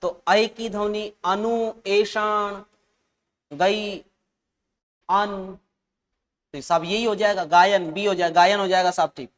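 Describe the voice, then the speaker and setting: High-voiced male teacher. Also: fairly even intonation, slow, pauses often. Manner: chatty, addresses listeners as saahab and bhai. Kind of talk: exam-prep lecture.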